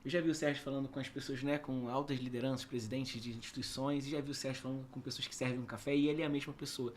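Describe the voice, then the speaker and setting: A man co-hosting a business podcast, affirming the guest with quick interjections. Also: medium pitch, fairly even intonation, a little hiss or hum. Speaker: podcast co-host. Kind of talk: casual interview talk.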